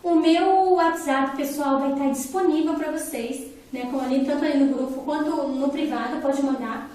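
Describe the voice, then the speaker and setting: In a remote lesson for kids and their parents, a teacher from Brazil explains an activity with patience, her voice high and bright with a Brazilian Portuguese accent. She often pauses to ask "né?" or "tá bom?" to make sure the children are following. Strong echo fills the recording, like a distant microphone in an empty room.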